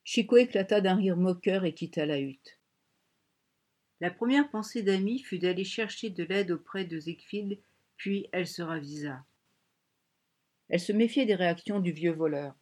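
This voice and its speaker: A woman narrating a French novel's audiobook in a steady, even reading. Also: on the low side, moderate pace. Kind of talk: scripted narration.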